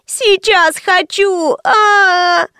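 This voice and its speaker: A woman's voice: very high voice, extremely slow, a bit bright, no echo, clean studio sound, voice pushed up, exaggerated voice. A woman voicing a cranky five-year-old girl who whines and wails, in an audiobook. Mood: whining. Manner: whining, wailing.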